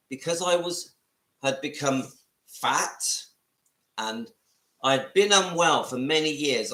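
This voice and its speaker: West Country man, 50s, chatty livestream host; bright tone, roomy echo. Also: a little high. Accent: West Country English. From Southwest England. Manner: chatty, rambling, greets commenters by name. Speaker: livestream vlogger. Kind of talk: casual live chat to viewers. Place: room at home.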